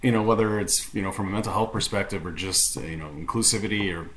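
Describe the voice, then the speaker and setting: A man's voice: lowish voice, quick pace, fairly bright tone, slight background noise. A man hosting a podcast interview, asking wordy, tentative questions in a conversational way.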